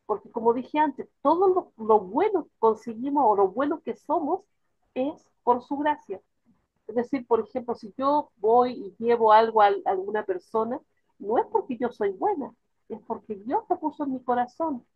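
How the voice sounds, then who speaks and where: Woman, church study group member, hesitant and filler-heavy, slightly high voice with a husky edge, heard over a thin phone-like line. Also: expressive, normal speed, dry recording. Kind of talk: casual church group discussion.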